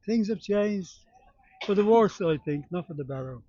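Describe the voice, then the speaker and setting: An older man with a Dublin Irish accent, reminiscing in casual conversation in a halting way, with repeated yeahs. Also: high voice, expressive, dark tone, no echo, dull audio. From Dublin, Ireland. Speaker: local resident being interviewed.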